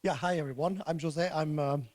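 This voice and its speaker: A man gives a conference talk to a room of listeners. His voice is hoarse and sits fairly high, and he often stalls and repeats words. The sound is close and dry. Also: a little mellow, no echo. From Portugal. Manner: halting, repeats words as he restarts. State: hoarse, recovering from illness. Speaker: conference speaker. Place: conference room before an audience.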